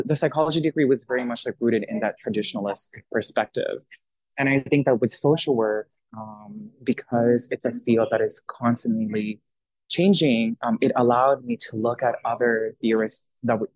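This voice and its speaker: A man's voice: mid-range voice, darkish tone, dry recording. A young man from Italy, a social worker, speaking as a podcast guest in a thoughtful way with many fillers and restarts. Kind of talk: casual interview talk.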